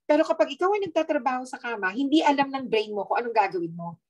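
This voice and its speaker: A woman with a Filipino accent giving a lively, chatty health talk, mixing in teasing asides and frequent tag questions. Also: sits high, fast talker, rough recording. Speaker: health speaker.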